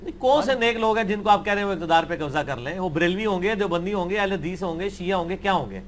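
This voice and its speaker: Man, high voice, blunt and argumentative scholar fielding questions. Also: slight background noise. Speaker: religious scholar answering questions. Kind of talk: question-and-answer session.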